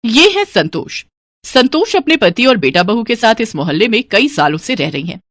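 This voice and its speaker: A woman narrating an animated moral story in a plain, even storytelling manner. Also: on the high side, moderate pace, no echo, studio quality.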